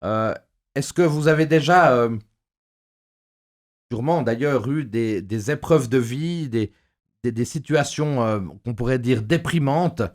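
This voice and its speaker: A man's voice: medium pitch, a little slow. A man hosting a Bible study discussion, talking with frequent hesitations and filler sounds. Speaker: host.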